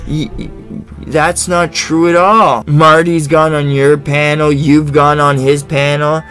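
A man hosting reaction commentary, mocking and sarcastically answering a clip he pauses. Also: on the high side, flat delivery, fairly bright tone, faint music behind. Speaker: commentary host.

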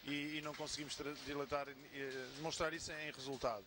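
A man with a European Portuguese accent giving live sports analysis as co-commentator, halting and repeating words as he thinks. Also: fairly high pitch, level tone. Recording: clear sports hall noise behind. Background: sports hall ambience, bouncing ball.

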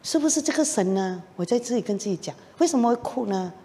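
A middle-aged woman gives her personal testimony to a church congregation, telling it in an animated way and acting out the lines of the people in her story. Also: on the high side, fast. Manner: animated storytelling with laughs and acted-out quotes. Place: church hall. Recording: long reverb of a church hall.

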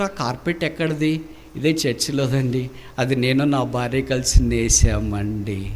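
A male preacher voicing a grieving old soldier who speaks slowly and haltingly. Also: on the high side, long reverb tail, natural voice. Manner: slow, sorrowful, halting.

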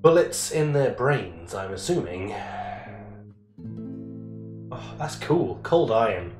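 A man's voice: mid-range voice, sing-song, takes it slowly, music in the background. A man doing casual let's-play commentary as a gaming YouTuber, hyped and playful and swearing casually. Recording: echoey room.

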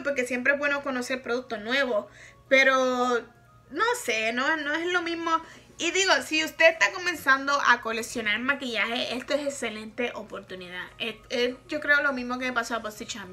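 Sharp in tone and sitting high, this voice belongs to a woman in her thirties from Puerto Rico. She has a Puerto Rican Spanish accent and reviews makeup casually in a small bedroom vlog, speaking candidly and laughing often.

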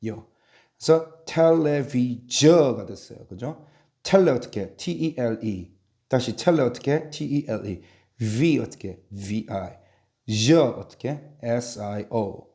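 Male teacher, English spelling drill, unhurried, warm low-key voice, spells letters aloud. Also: lively intonation. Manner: slow, spells letters one by one, asks and answers himself.

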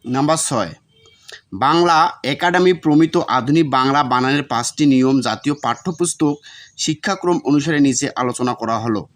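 A man's voice: mid-range voice, brisk. A man teaching, reading out exam notes and repeating example words to show their pronunciation.

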